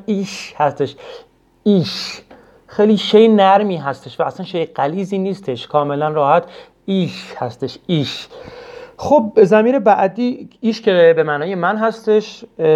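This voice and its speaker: A man's voice: fairly high pitch, warm tone. A man from Iran teaching a spoken language lesson, patiently repeating words for learners and speaking formally and politely with many hesitation sounds. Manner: patient, repeats each word slowly for learners. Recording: dull lo-fi recording.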